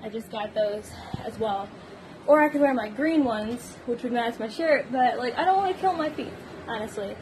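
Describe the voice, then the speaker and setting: A young woman holds her phone at arm's length in a small bedroom and chats casually as a book vlogger, full of fillers, giggles and rambling. Her fairly high voice is expressive and moves at a normal speed, with background noise present.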